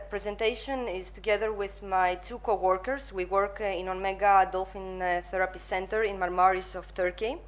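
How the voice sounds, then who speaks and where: A woman giving a conference presentation as a psychologist, in halting, hesitant phrases. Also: mid-range voice.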